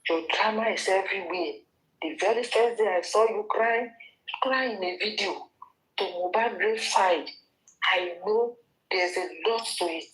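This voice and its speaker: A woman with a Nigerian accent hosts a gossip commentary vlog. She scolds her target head-on and talks straight at her. Her voice sits at an everyday middle pitch. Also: normal speed, fairly bright tone, low-quality recording.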